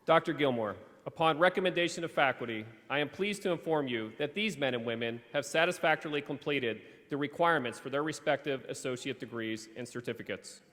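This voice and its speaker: A man giving a measured, formal commencement address at a podium microphone in a large theater, presenting the graduates. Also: mid-range voice, a bit bright. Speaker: college official presenting the graduates. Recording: long reverb of a large theater.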